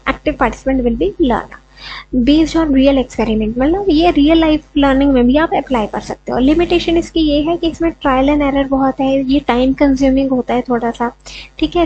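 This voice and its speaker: A woman's voice: high voice, moderate pace, warm tone, muffled recording. A woman teaching an education lesson, explaining step by step and often checking in with "okay". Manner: mixes English terms, repeats "ठीक है" often.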